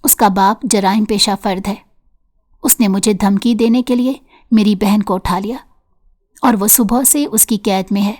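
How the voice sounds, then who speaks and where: A woman's voice: mid-range voice, fairly even intonation, darkish tone, close to an everyday voice. A furious young man growls threats in a harsh, desperate voice, as a woman reads him aloud. He is driven and stern in this spoken storybook.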